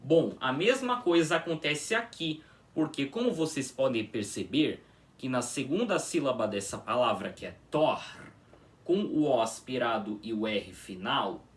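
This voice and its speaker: A man teaching a pronunciation lesson, demonstrating each sound slowly and checking in with his students. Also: medium pitch, animated, recorded from a distance. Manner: drawn-out patient demonstrations, frequent "tá?" checks. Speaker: language teacher.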